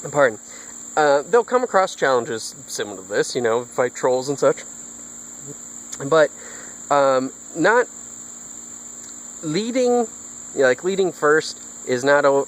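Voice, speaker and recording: A man's voice: medium pitch, low-quality recording. Rambling man telling a story outdoors. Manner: rambling, with false starts. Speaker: vlogger. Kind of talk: casual storytelling vlog. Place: outdoors in a backyard.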